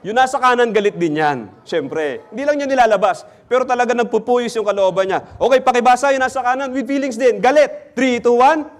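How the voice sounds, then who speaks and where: A man's voice: very high voice, a little fast, hardly any pauses. A man preaching in church, quizzing the congregation and teasing them with jokes. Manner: questions the congregation, teasing and jokey. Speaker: pastor. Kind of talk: interactive sermon.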